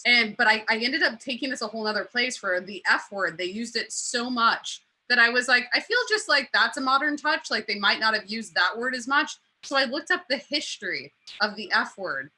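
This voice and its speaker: Female host, very bright tone, chatty panel talk with fillers. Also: a little high, lively intonation, low-quality recording. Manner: chatty, quick, with frequent fillers. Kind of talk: casual panel discussion.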